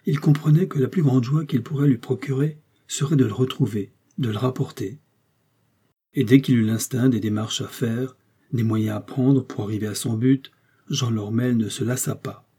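A man reading a classic short story aloud in a measured, expressive way. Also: medium pitch, breathy edge. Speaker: audiobook reader.

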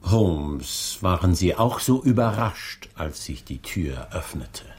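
An actor playing a loyal male doctor and puzzled detective's companion in a German radio drama, measured and deferential. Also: low-pitched, sing-song, a little mellow, husky, soft background music, exaggerated voice. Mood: puzzled, inquiring.

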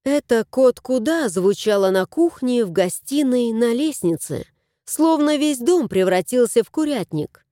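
Lady reading a fairy tale aloud, warm mellow voice, bouncy pitch, dry close sound. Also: lively intonation, measured pace, no room sound. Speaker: narrator. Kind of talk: storybook reading.

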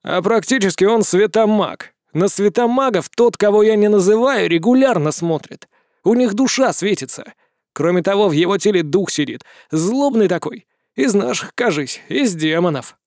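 A man voicing an excitable male demon servant who talks eagerly and fawns on his master. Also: sits high, normal speed, dry recording, studio quality, pitched above the performer's own voice. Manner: eager, storytelling, fawning.

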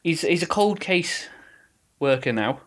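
A man's voice: a little high, expressive, a little slow, a bit bright, slight background noise. A man chatting casually about a film and its game, often restarting his sentences and quoting lines in dry put-on tones. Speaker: podcast co-host. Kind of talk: casual chat.

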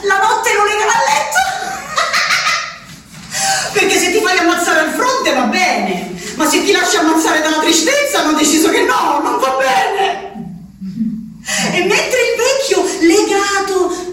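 An actress speaks a theatrical monologue, a letter read aloud, as an anguished peasant wife confined in an asylum, pleading in a halting, rustic way and tagging phrases with "eh." Her female voice is very high-pitched with lively intonation, troubled and agitated, in a central-southern Italian Abruzzese accent. The sound is roomy and distant, like a stage, with faint noise.

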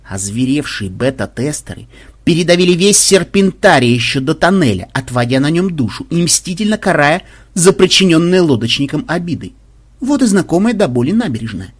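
A man narrating a story aloud in a lively, ironic audiobook style. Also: a little high, moderate pace, husky. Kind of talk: expressive audiobook reading.

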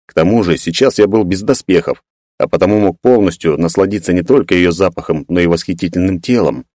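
Low-voiced male audiobook narrator. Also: brisk, darkish tone, no echo, clean studio sound. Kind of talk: first-person scripted narration.

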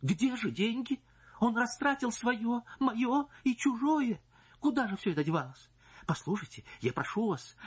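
A man voicing a distraught, indignant married noblewoman who pleads and accuses in a shrill, strained voice. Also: breathy edge, dull audio, full character voice.

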